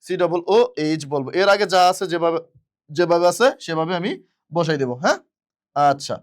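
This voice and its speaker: High-voiced man teaching chemistry. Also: fairly quick. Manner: asks questions and answers them himself, repeats key words. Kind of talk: classroom lecture.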